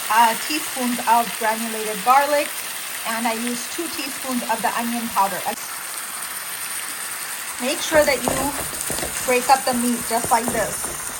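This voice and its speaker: A woman with a slightly high voice talks her viewers through a recipe step by step in a home kitchen. Her manner is chatty and instructive. Faint sizzling noise sits underneath her voice. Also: normal speed. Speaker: cooking vlogger. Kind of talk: casual cooking demo.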